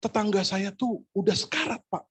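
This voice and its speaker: Guy doing a panicky high-pitched lady begging the pastor, pushy and desperate. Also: moderate pace, husky. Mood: urgent pleading. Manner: pleading, insistent. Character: frantic middle-aged woman begging for prayer.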